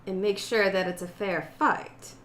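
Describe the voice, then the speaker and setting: A woman with a mid-pitched voice talks casually as a tabletop game player. The recording is echoey with slight background noise. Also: steady tone, a little slow, a bit bright.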